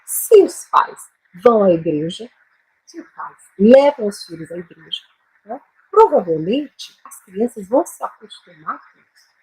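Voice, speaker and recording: Husky-voiced Brazilian woman teaching slowly. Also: mid-range voice, very animated, darkish tone, poor audio. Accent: Brazilian Portuguese. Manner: slow, emphatic, repeats phrases, frequent tag questions. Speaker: English teacher. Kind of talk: live Bible-based English lesson.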